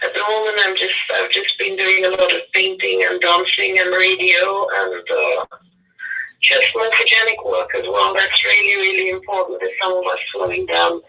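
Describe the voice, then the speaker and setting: A woman from India answers a host's questions about her spiritual work, earnest and rambling, often stopping to fix her own words. Her voice is sharp and bright with a gravelly grain. She comes through from some distance, as if on a thin call-in line. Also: mid-range voice. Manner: meandering, self-correcting, earnest. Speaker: guest, spiritual author. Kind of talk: casual radio interview.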